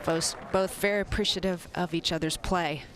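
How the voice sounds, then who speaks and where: A man giving live golf tournament commentary in a measured, analytical way. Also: high-pitched, fairly even intonation, a bit bright, poor audio. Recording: crowd and outdoor noise behind. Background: spectators and outdoor course ambience.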